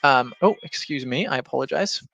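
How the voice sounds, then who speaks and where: An alarm rings while a man explains things informally as a business trainer, chatting through examples built on imagined quotes. He's brisk and expressive, with a gravelly, fairly bright medium-pitched voice, recorded without echo.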